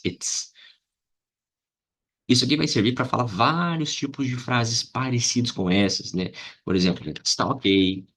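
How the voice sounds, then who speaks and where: A man teaching English with a Brazilian Portuguese accent, explaining slowly and repeating example phrases to his students. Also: fairly low pitch, fairly bright tone. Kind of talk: casual lesson to camera.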